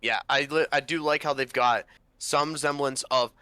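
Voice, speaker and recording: A man co-hosting a casual reaction chat, laying out his points in a measured way with the odd swear. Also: mid-range voice, fairly even intonation, bright, forceful tone, clean tone, no echo. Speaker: podcast co-host.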